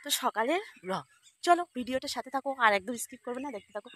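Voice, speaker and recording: A woman from West Bengal chatting to her viewers outdoors on a foggy morning, often dropping to a hushed voice. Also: high-pitched, expressive, racing, noisy background. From West Bengal, India. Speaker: vlogger. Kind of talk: casual vlog narration to viewers.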